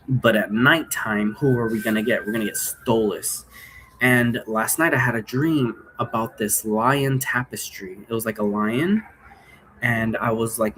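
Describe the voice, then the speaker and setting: A man with a lowish, slightly bright voice explains an occult role-play game as a presenter. His explanation is casual and unscripted, rambling loosely from one aside to the next, in a clearly noisy room recording.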